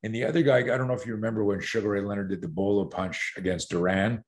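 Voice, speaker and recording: A man's voice: on the low side, steady tone, quick pace. A middle-aged man telling a story as a podcast guest, acting out voices and sounds and laughing often. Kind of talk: animated storytelling in a podcast interview.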